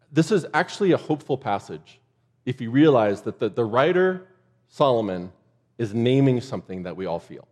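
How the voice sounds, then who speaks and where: A man's voice: fairly low pitch, a little mellow. A man preaching a sermon in a church, conversational and loose, with joking asides to the congregation. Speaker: pastor.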